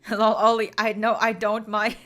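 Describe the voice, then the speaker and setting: Faint music runs beneath a young female streamer whose fairly high, fairly bright voice holds a level tone at normal speed. She chats casually with viewers, playfully sarcastic and teasing, saying "like" a lot.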